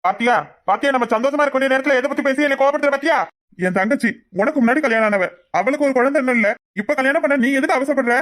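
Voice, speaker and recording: Cartoon husband voiced by an actor, coaxing and pleading, Kanyakumari Tamil accent, mid-pitched voice, very fast. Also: a bit bright. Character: coaxing young village husband.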